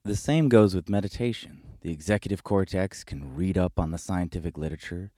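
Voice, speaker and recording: Low husky male narrator. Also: dark tone, no room sound, clean studio sound. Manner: measured, reflective explaining. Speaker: video essay narrator. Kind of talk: scripted narration.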